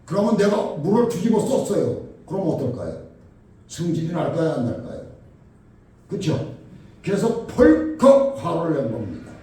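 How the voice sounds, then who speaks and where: A man preaching a sermon. He asks the congregation questions and acts out shouted quarrels. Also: on the high side, very animated, normal speed. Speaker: pastor. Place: church sanctuary. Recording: echoey church hall from far off.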